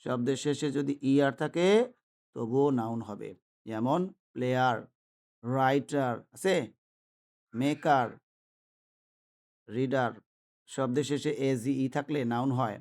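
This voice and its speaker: A man's voice: medium pitch, steady tone, slow pace, long pauses, a little mellow. A man teaching an English grammar lesson, listing example words and asking his listeners if they follow. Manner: asks the listeners rhetorical questions and repeats example words. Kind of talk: classroom-style grammar lesson.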